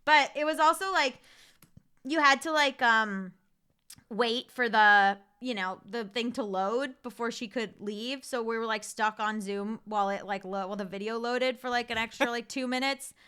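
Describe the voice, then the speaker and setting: Bright, high-voiced woman telling stories. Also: clear, resonant tone. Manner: animated, quick-shifting, swears freely. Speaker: podcast guest. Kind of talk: casual storytelling chat.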